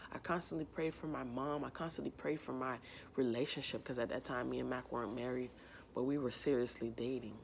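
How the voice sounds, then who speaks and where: A woman's voice: low-pitched, vocal fry, a little hiss or hum. A woman in her twenties sharing a heartfelt, rambling personal reflection in a vlog. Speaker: vlogger.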